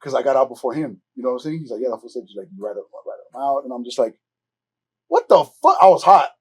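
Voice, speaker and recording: Fast-talking man. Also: medium pitch, husky. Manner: animated, swearing, acts out quotes. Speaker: podcast host. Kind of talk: casual storytelling.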